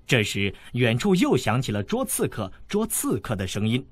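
Husky male audiobook narrator. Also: medium pitch, huge pitch swings, moderate pace, no room sound. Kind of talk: scripted novel narration.

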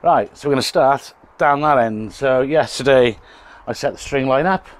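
A Welsh man in his fifties, a landscaper, speaks at normal speed in a mid-range voice, explaining his patio work chattily and poking fun at himself. The how-to vlog is shot in a garden beside a house on a handheld phone, with a plugged-in mic used later.

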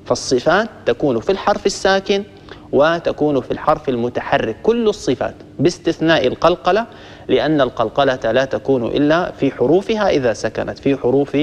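A man teaching a Quran recitation lesson, explaining in a measured way and stopping to demonstrate letter sounds. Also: a little high. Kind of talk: tajweed lesson to listeners. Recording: long reverb, hall-like echo.

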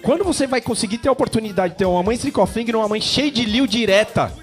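High-voiced Brazilian auction commentator, male. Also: fast. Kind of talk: live sales commentary. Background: music.

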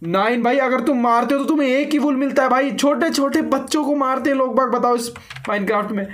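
A young man with a high voice talks through his game in casual let's-play style. He is chatty and excitable, often firing off the same word over and over. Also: a little fast. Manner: excitable, chatty, often repeats words in bursts. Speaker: gaming YouTuber.

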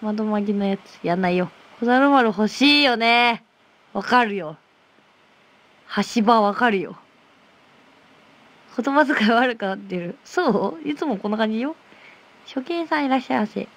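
A woman's voice: on the high side, expressive. Playful woman chatting on a livestream. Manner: playful, reads chat comments aloud, teasing quick replies. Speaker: livestream host. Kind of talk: casual livestream chat reading comments. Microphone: phone.

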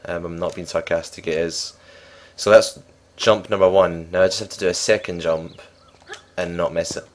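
A man's voice: sits low, steady tone, moderate pace. A young man casually commenting on his gameplay as a let's play host, rambling and joking at his own expense. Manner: chatty, rambling, self-mocking.

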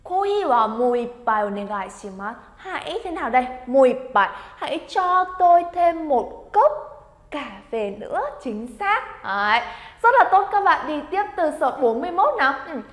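Woman teacher drilling vocab, encouraging, high voice, echoey room. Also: sing-song, normal speed. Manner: encouraging, drills words aloud for students to repeat. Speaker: Japanese teacher. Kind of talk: language lesson. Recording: echoey room with long reverb.

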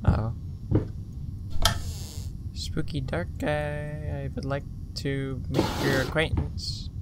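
A man giving casual, jumpy commentary while playing a horror game, mumbling, swearing, and shouting at the game. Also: a little high, flat delivery, slow pace. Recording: loud background noise.

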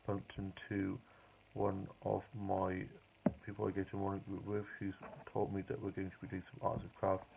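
A young British man chatting casually and quietly at home in the evening, rambling through his day for a diary vlog, filmed on a phone at arm's length. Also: sits low, gravelly, muffled recording, a little hiss or hum. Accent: British English. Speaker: vlogger. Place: hallway home office, indoors at night. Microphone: phone or webcam at arm's length.

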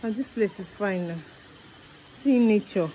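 A young woman with a Nigerian accent, chatting excitedly as she vlogs her walk through a cave and down to a river. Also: mid-range voice, measured pace, slight background noise, poor audio. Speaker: vlogger. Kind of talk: casual travel vlog narration. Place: inside and around a cave and riverside outdoors.

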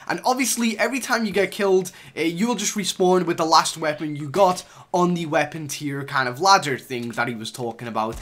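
With a high, slightly bright voice and a bit of background noise, a young man covers gaming news on his YouTube channel. His commentary is chatty and meandering, with frequent fillers and false starts.

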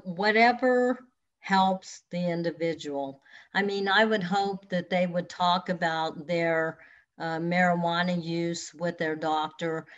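Over a video call from her home, a counselor and hypnotherapist in her sixties answers questions for an online expo talk, earnestly giving listeners direct advice. Her voice is on the low side. She uses a webcam in a room with large windows, and the call audio sounds dull and lo-fi.

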